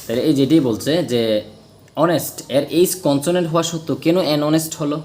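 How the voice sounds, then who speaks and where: A man's voice: on the high side, quick pace, darkish tone. A man teaching English grammar, explaining step by step and answering his own questions. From Bangladesh. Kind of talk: spoken grammar lesson.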